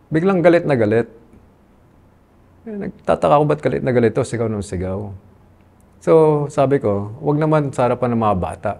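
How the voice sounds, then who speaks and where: A man's voice: mid-range voice, gravelly, darkish tone. A man with a Filipino accent telling his own story in an interview, earnest and aggrieved, switching between Tagalog and English mid-sentence. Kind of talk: candid personal testimony.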